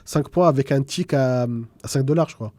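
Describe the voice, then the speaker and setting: Mellow-voiced man explaining with examples. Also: mid-range voice, moderate pace, no room sound. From France. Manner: explanatory, talks in examples with restarts. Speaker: guest trader. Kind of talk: casual interview chat.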